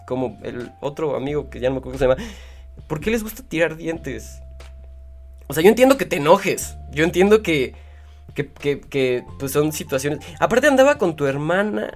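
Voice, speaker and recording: A man with a Mexican accent hosting a podcast, reading listener stories aloud and rambling in a joking, self-mocking way. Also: fairly high pitch. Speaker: podcast host.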